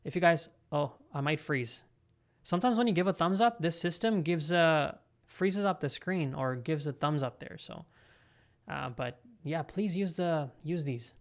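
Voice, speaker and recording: A young man hosting a live football watch-along, calling the play with excitable reactions and chatting to his viewers. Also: a little high, measured pace. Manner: excitable, talks to live chat between play calls. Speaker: live football stream host. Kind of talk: live match reaction commentary.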